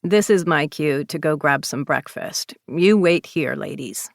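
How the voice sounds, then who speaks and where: A woman voicing a gruff, blunt man in an audiobook, teasing and grumbling. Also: low voice, lively intonation, measured pace, no room sound, clean studio sound, heavily acted. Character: gruff grumpy man woken early.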